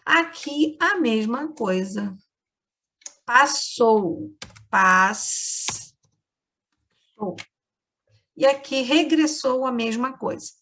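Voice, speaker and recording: A woman's voice: sits high, measured pace, hardly any pauses, a little hiss or hum. A woman teacher with a Brazilian Portuguese accent, giving a lesson to children and explaining each step patiently. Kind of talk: remote class lesson for children.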